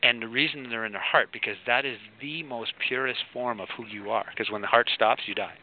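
A man's voice: medium pitch, fairly even intonation, brisk. A man speaking earnestly and emphatically in a conversational talk, like a coach. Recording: tinny phone-like audio with faint noise.

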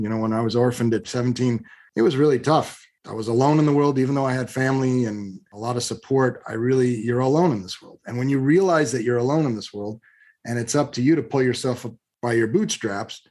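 A middle-aged man in an interview, telling blunt, animated stories and acting out both sides of an argument. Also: medium pitch. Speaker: guest, real estate investor. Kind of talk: conversational interview storytelling.

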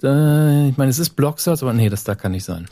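A young man in casual conversation, relaxed and reflective, with dry remarks. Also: medium pitch, a little fast, dry recording. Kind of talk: casual chat.

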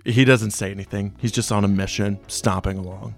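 A man's voice: on the low side, steady tone, a little fast, creaky, faint music behind. A man narrating scenes as game master of a tabletop game and hosting the podcast. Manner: descriptive storytelling with some restarts.

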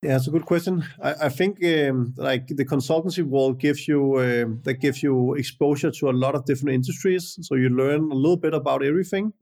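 In a calm, measured way, a Danish man answers interview questions in non-native English as a guest entrepreneur. He speaks at medium pitch, frequently filling gaps with "uh" and "like."

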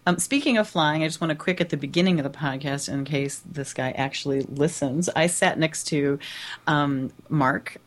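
A woman co-hosts a podcast in casual chat. Her voice is pitched low for a woman. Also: moderate pace. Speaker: podcast co-host.

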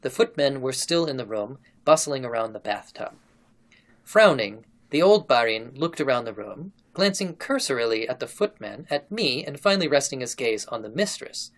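A man's voice: medium pitch, animated, normal speed. Chatty man telling a history story. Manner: chatty, laughs often. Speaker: podcast host. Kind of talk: casual storytelling, reading from a memoir.

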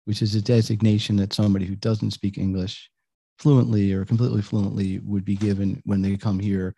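A man's voice: fairly low pitch, level tone, brisk, vocal fry, warm tone, husky, no echo. A man hosting an interview, rambling with frequent fillers and restarts. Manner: rambling, hesitant, many fillers. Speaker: host. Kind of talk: casual interview talk.

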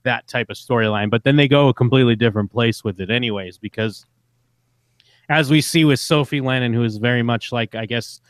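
A man's voice: medium pitch, fairly quick, no room sound. A man co-hosting a casual podcast about a TV show, talking hesitantly with lots of fillers and restarts. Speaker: podcast co-host. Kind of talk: casual chat reviewing a TV show.

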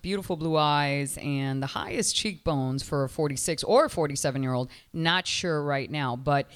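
A chatty woman in her forties hosts a casual podcast interview in a low, deep voice. She gushes over her guests and drifts into quick asides. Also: fairly bright tone, clear, resonant tone. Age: 40s. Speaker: podcast host. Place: Miami.

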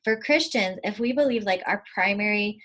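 A woman, talking casually as a guest, animated and laughing often as she acts out quotes. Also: mid-range voice, moderate pace. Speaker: podcast guest. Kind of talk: casual conversation.

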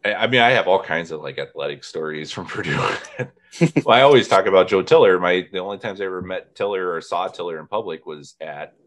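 A man's voice: low-pitched, a little fast. A man from northern Indiana hosting a casual chat, telling funny stories and quoting people as he goes. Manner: storytelling, quoting others with laughs. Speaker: podcast host.

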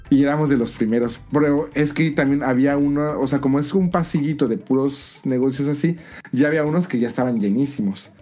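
A man with a Mexican accent tells a long anecdote in loose, slangy podcast talk. His voice is mellow and warm, with a soft bed of music under it. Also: medium pitch. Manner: colloquial, rambling anecdotal storytelling. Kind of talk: casual podcast chat.

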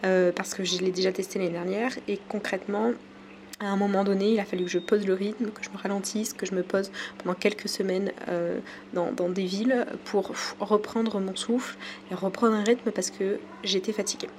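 A woman's voice: mid-range voice, steady tone, a little mellow, a little hiss or hum. Hesitant French woman podcasting. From France. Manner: hesitant, many pauses and fillers. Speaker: podcast host. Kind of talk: casual solo podcast talk.

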